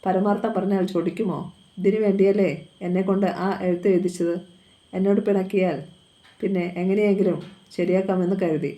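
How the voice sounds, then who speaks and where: A woman's voice: mid-range voice, fairly even intonation, fairly quick, warm tone, natural voice. A woman reading as a blunt, hurt younger sister. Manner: blunt, pointed questions.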